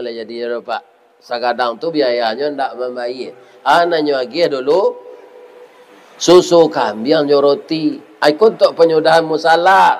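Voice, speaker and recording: A man's voice: fairly high pitch, a little hiss or hum, low-quality recording. A man with a Minangkabau accent preaching, telling a story to his congregation and often turning to ask them for a nod of assent. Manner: lively storyteller, keeps asking the audience for assent. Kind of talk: sermon storytelling.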